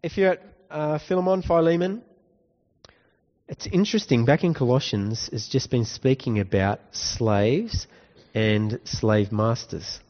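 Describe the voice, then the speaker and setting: A man's voice: medium pitch, a little slow. A male pastor giving a conversational sermon, often asking the congregation questions. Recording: dull recording with long hall reverb.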